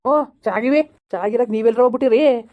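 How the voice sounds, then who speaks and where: A woman's voice: on the high side, fast. A woman in a village comedy skit who scolds harshly and throws insults. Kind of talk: scolding village drama dialogue. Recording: tinny phone-like sound.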